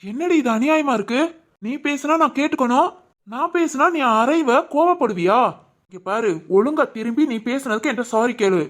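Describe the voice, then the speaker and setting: A performer voicing a young husband in an animated family story, scolding insistently in southern Tamil Nadu village speech. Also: sits high. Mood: indignant. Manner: scolding, insistent, drawn-out questioning. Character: young husband, teasing then stubborn, hot-tempered. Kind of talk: animated family drama dialogue.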